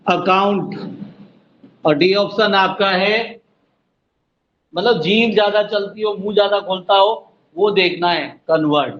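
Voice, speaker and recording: A man teaching an online exam-prep class, drawing words out slowly syllable by syllable and calling his students "beta", with an Indian English accent. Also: high-pitched. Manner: slow, drawn-out spelling of words, addresses students as "beta". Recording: dull lo-fi audio with faint noise.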